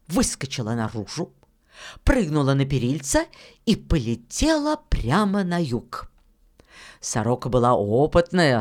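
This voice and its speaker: A narrator tells a fairy tale at an unhurried, deliberate pace, in a calm and measured way. The voice sits at a middle pitch and reads the story with scripted care. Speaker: audiobook narrator.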